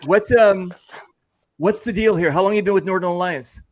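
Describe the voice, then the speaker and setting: A man's voice: high-pitched, fairly quick. An American man hosting a casual chat, joking, swearing freely and talking with lots of energy. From United States. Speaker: host.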